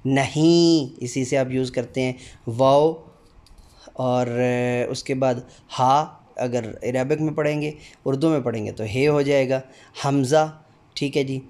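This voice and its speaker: Man, middle-aged teacher, alphabet lesson, slow letter-by-letter recitation, lots of fillers, mid pitch. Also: fairly even intonation, darkish tone. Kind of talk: teaching the Urdu alphabet aloud.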